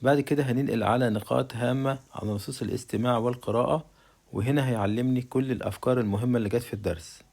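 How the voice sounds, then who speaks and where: A male English teacher with an Egyptian Arabic accent, leading a vocabulary lesson. He says each English word slowly twice for pupils to repeat, then gives its Arabic meaning. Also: medium pitch, steady tone, vocal fry, a little mellow.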